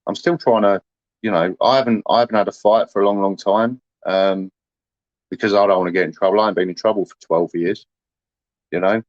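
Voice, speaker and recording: A man's voice: on the low side, fairly even intonation, brisk, dry recording, muffled recording. A man, chatting casually to livestream viewers in a rambling, aggrieved way, full of "you know".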